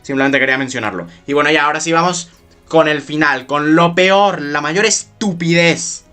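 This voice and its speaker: A man's voice: on the high side, normal speed, sharp tone, smooth, no echo, faint music behind. A man ranting about spelling rules, exasperated, mocking and full of swearing. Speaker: video creator. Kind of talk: explanatory rant.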